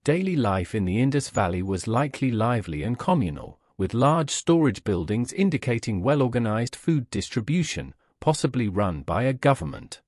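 A man narrating a documentary script with measured, careful delivery. His pitch moves a lot, rising and falling through each sentence. The sound is close and dry, with no room around it. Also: big pitch swings, darkish tone, no room sound.

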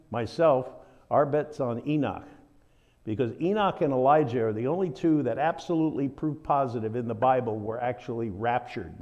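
A man's voice: medium pitch, a little mellow, lo-fi sound. A man with a Southern American accent teaching a Bible study in a conversational, folksy way, full of asides.

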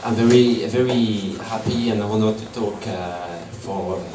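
He's a man in his thirties with a French accent who grew up speaking French and Portuguese, and his delivery is flat, dark-toned, on the low side and measured. His public talk in a meeting room keeps stalling with ums and restarts. Heard from afar through a room camera, the echoey recording carries a little hiss or hum.

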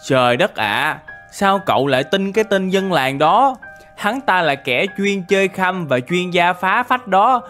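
A man's voice: high voice, lively intonation, unhurried, a bit bright, faint music behind. A man voicing a grumpy male villager in a game story, scolding in an irritated tone. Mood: annoyed. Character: grumpy male villager tidying his house.

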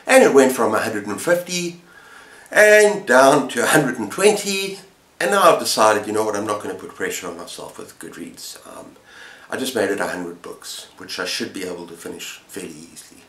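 In an indoor room lined with bookshelves, a middle-aged booktuber host chats casually for his book-review vlog. His lowish voice is animated and fairly bright, moving at a moderate pace, and the sound is roomy and echoey.

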